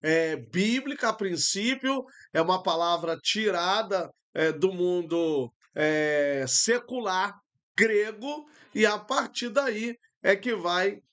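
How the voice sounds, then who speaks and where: A Brazilian pastor in middle age leads a live-streamed Bible lesson from his computer. His voice sits high and moves slowly and deliberately. He explains Greek terms patiently, filling pauses as he thinks. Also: a bit bright. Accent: Brazilian Portuguese.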